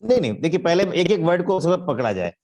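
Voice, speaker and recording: A party spokesman arguing on a TV panel, emphatic, slowing down to read quotes word by word. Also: sits high, very animated, a little mellow.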